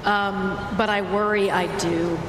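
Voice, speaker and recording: A woman's voice: medium pitch, steady tone, a little slow. An American woman chatting casually and jokingly as an interview guest, with natural uptalk that makes statements sound like questions. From Ohio, United States. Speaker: guest poet and writing teacher. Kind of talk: casual, joking interview chat before an audience. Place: live show on stage in a hall. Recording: echoey hall, clear background noise.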